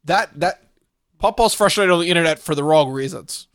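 Man, podcast co-host, slightly high voice, mock-indignant, dry sound. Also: normal speed, a bit bright, clear, resonant tone, dry recording. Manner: playful, mock-indignant ranting. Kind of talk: casual chat.

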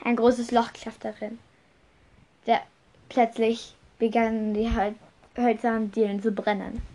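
Halting woman improvising a story. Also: a little high, level tone, dark tone. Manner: halting, self-correcting.

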